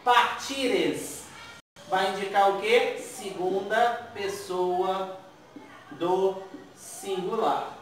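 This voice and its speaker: A man's voice: high voice, drawn-out words. A man teaching a grammar lesson, asking the class questions and answering them himself, with frequent check-ins. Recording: echoey room from far off, faint noise.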